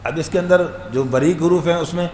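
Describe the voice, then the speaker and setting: A man, teaching Quran recitation and explaining letter sounds. He talks conversationally, tells humorous anecdotes, and sings out long drawn-out demonstrations of each letter. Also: on the high side. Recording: echoey room with faint background hum.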